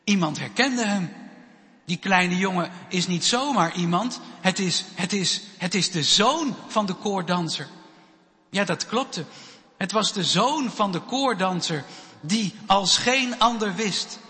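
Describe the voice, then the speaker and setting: A man giving a children's sermon and telling a story slowly, with pauses. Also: high voice, bright, forceful tone. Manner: slow, storytelling delivery with pauses. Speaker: preacher. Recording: long hall reverb.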